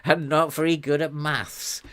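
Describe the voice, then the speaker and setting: This let's play host, a man in his sixties, talks through his game at an unhurried, chatty pace, laughing at his own expense. His pitch sits fairly high, and his bit-bright voice has a flat delivery.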